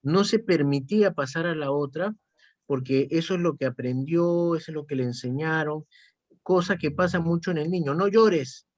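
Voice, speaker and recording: A man's voice: on the high side, normal speed, a little mellow, no room sound, lo-fi sound. A man, a psychotherapist chatting reflectively and often tagging his sentences with "¿no?". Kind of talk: casual conversation.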